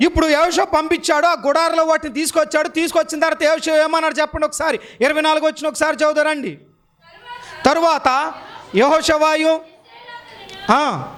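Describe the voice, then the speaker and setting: A man preaching to his congregation in a very high-pitched voice. He peppers them with rhetorical questions and repeats each one. Now and then he punches out a line with sudden force. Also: slight background noise. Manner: emphatic preaching with sudden loud bursts. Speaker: pastor. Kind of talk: sermon.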